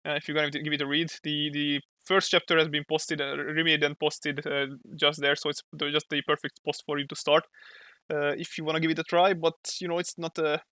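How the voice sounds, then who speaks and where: A man's voice: on the high side, bright, forceful tone, dry recording. A young man from Hungary with a Hungarian accent, chatting casually on a livestream while he draws, thinking aloud and sometimes searching for English words. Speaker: streamer and comic artist.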